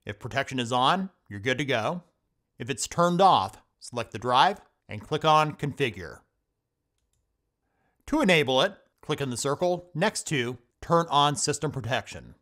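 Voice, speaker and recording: A man hosting a computer help tutorial, reading scripted step-by-step instructions in a steady voice-over. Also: mid-range voice, unhurried. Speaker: tech tutorial host. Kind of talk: scripted screen-recording voice-over.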